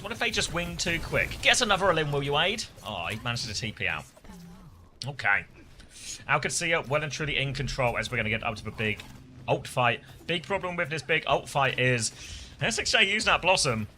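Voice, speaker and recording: A man doing live esports play-by-play commentary, with fast excited calls that leap up in pitch on big plays. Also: slight background noise.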